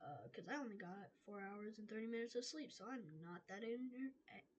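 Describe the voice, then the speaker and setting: A woman with a fever and a cough, casually chatting and rambling to her viewers over a low-quality mic. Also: a little fast, a little hiss or hum. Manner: chatty, tired, talks to viewers as y'all. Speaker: reaction video host. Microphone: low-quality microphone.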